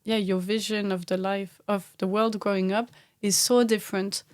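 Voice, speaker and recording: A woman hosting a podcast, asking polite, gentle interview questions. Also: medium pitch, flat delivery, moderate pace, no echo, studio quality. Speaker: podcast host.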